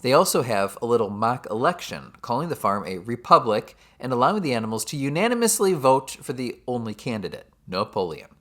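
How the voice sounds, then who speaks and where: A man's voice: mid-range voice, sing-song, brisk, few pauses, a bit bright. A man giving a scripted summary of a novel chapter, with dry, sardonic asides. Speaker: literature teacher. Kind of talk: scripted book summary narration.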